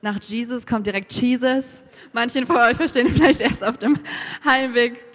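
A woman's voice: on the high side, normal speed. Woman preaching. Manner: conversational and humorous, with rhetorical questions. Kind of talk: sermon. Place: church. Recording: long church hall reverb.

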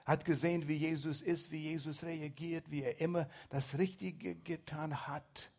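A man preaching a sermon with a few slips, swinging between loud emphatic exhortation and hushed, near-whispered asides. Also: a little high, fairly even intonation, normal speed. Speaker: pastor.

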